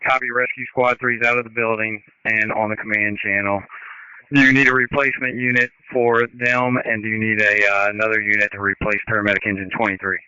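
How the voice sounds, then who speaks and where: Male fireground commander on two-way radio. Very bright, forceful, crisp voice, clipped procedural delivery, band-limited sound. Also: lowish voice, little pitch movement, a little fast, dry recording, dull audio. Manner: clipped, procedural, repeats back to confirm. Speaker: fire incident commander on radio.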